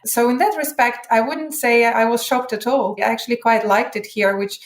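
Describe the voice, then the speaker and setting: A woman's voice: a little high, fairly even intonation, normal speed. Upbeat Russian-raised woman in a roomy room. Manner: articulate and upbeat, with occasional fillers. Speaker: guest, hedge fund head of research. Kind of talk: conversational interview answers. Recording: roomy echo.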